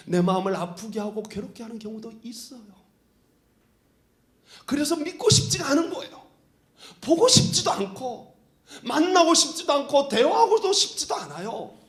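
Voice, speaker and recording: A male pastor preaching a sermon, moving between shouted prayer and hushed whispers. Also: high voice. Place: church sanctuary. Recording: echoey church hall.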